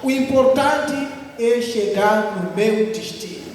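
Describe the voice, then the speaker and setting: A man from Mozambique with a Mozambican Portuguese accent, a missionary preacher telling his testimony with animated laughter and exclamations. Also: sits high, takes it slowly, crowd noise. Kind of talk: sermon testimony. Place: large echoey church hall. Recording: echoey hall, distant mic.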